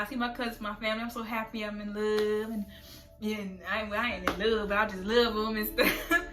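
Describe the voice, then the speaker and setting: Soft-spoken woman telling a personal story. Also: a little high. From South Florida. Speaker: vlogger. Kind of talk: storytime vlog. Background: soft background music.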